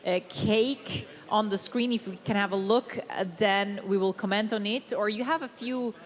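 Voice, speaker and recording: A woman's voice: medium pitch, steady tone, moderate pace. A woman presenting a live broadcast, moderating and asking her guests questions. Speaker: studio presenter. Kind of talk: live studio hosting. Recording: long hall reverb.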